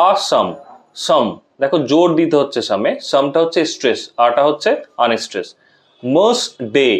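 A man teaching a literature lesson to students, explaining patiently step by step and speaking to them directly. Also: high-pitched. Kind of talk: recorded literature lecture for students.

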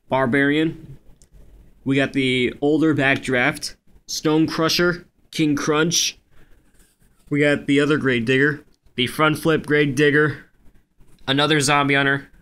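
A young man speaking quietly at night so as not to wake anyone, casually going through a collection item by item. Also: on the high side. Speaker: toy collector showing his collection. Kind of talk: casual collection walkthrough, listing items. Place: carpeted room at home. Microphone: handheld camera, held by the speaker.

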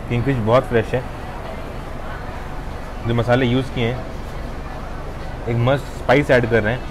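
Young male food vlogger, 20s, easygoing tasting chatter, mid-pitched, lapel mic with clear outdoor traffic noise behind. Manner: relaxed, savoring, pauses to chew. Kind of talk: casual food tasting vlog. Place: outdoor rooftop restaurant terrace.

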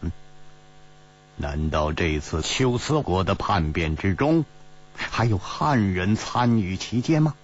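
A calm, composed hero with a low, measured, husky voice, as a male storyteller puts him on. He talks slowly and evenly, on a dull recording. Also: exaggerated voice.

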